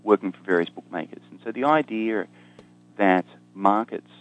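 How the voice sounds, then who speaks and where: Here the Australian man sits on the low side at normal speed, his recording muffled. As an economist guest, he explains ideas conversationally with dry, self-deprecating wit, frequent ums and plenty of restarts.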